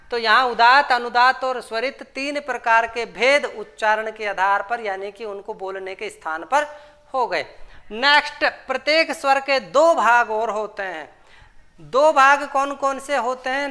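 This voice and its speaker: A woman's voice: on the high side, pushed and bright. A woman teaching a Sanskrit grammar lesson, patiently explaining terms and repeating each rule. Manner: patient, repeats terms and sutras, asks and answers her own questions.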